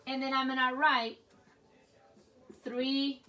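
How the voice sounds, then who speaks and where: A woman teacher walks through a grammar lesson in a high voice. She talks slowly and patiently, often pausing to check in with "okay?" as she writes on a board. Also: flat delivery, pushed and bright. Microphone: writing at a board while talking.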